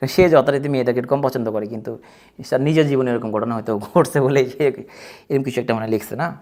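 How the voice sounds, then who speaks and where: A man's voice: medium pitch, darkish tone. A man with a Bangladeshi Bengali accent giving a casual exam-prep lecture, chatty and joking as he speaks straight to his students. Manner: chatty, joking, colloquial, addresses students directly.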